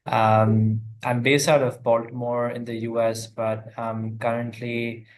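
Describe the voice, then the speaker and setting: A man from Pakistan, a program manager introducing himself on a video call, halting and repeating words. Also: medium pitch, little pitch movement. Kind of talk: online panel introduction.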